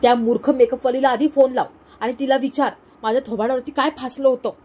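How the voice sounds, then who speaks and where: A woman voicing a domineering, short-tempered middle-aged mother-in-law who barks orders, in a soft, mellow, fairly high voice. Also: fairly even intonation, fast talker. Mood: bossy, scolding. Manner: scolding, bossy.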